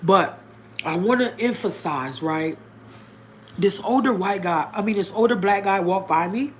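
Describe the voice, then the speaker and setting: Addressing her viewers head-on, an outspoken woman tells a story from her own life in a colloquial, forceful way, her voice spiking in pitch and loudness. She takes her time, and there's a bit of background noise.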